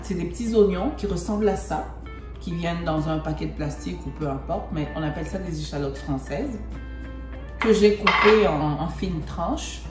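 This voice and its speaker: While working through her recipe, this Congolese woman keeps up a chatty commentary, repeating and rephrasing as she goes. She has a lowish voice and a moderate pace. The recording sounds roomy, with music in the background.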